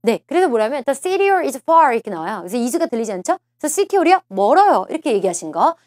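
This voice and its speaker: A woman lecturer preps students for a listening exam, her fairly high voice swinging up and down in pitch. She coaxes the class, repeats each key phrase and keeps asking questions. The sound is dry and close to the mic. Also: sing-song, fast, a little mellow, no room sound. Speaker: TOEIC listening instructor.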